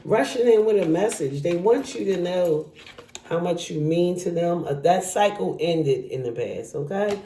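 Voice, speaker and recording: Mellow-voiced tarot reader in an echoey room. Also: mid-range voice, expressive, measured pace, slight background noise. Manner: chatty, talks straight to the viewer. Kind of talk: casual tarot reading to camera.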